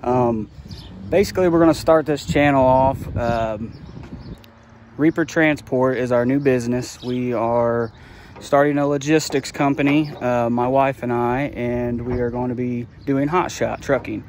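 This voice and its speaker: A middle-aged man, a YouTube host who owns a trucking business, gives a casual, plain-spoken how-to walkthrough outdoors beside a trailer. His medium-pitched voice is steady, measured, and a little mellow, recorded on a handheld phone at arm's length with a little hiss or hum.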